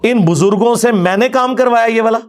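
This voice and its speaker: Brief: lecturer, high voice, dry sarcasm. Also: male voice. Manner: sarcastic, measured.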